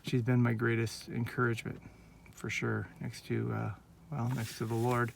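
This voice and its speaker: A Northern California man in his forties records a casual personal vlog on a handheld phone, talking in an earnest, rambling, heartfelt way. His mid-range voice is creaky, his delivery completely flat, and his pace moderate. Slight background noise can be heard.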